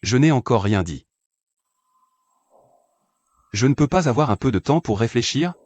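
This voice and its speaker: Gentle shy student; mid pitch, plain, a little hesitant. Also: male voice, animated, a little slow, no room sound, dull audio. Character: gentle bright male student, sick and shy. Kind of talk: French dub of a series.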